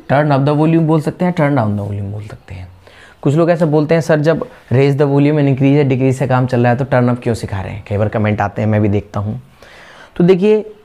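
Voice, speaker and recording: A man with an Indian accent teaching spoken English, explaining patiently and repeating example phrases slowly. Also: mid-range voice, a little mellow.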